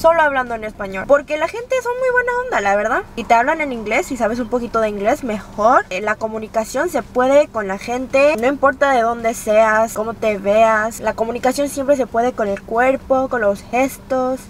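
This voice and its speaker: A young woman with a Mexican Spanish accent, vlogging in a lively, slangy, chatty way from inside a car. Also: on the high side, slight background noise. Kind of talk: casual vlog talk. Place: in a car at a drive-thru.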